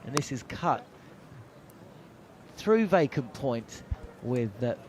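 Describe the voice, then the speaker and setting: This middle-aged man takes it slowly, his medium-pitched voice swinging widely in pitch. He delivers ball-by-ball cricket commentary from the box, chatty and anecdotal, with frequent "uh" fillers between play calls.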